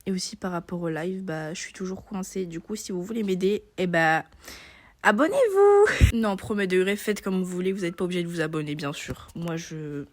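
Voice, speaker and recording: A woman's voice: on the low side, fairly even intonation, a little fast, hardly any pauses. A young woman, a beginner gaming vlogger, chatting casually to her viewers in a rambling way full of fillers. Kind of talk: casual vlog chat.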